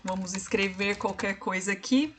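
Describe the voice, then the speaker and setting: A woman giving an online literature lesson. She explains step by step, checks in with "né?" and slows down to count syllables and spell out rhyme schemes. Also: medium pitch, breathy edge. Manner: explanatory, repeats "né?" and "ó". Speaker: literature teacher. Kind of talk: online tutoring session.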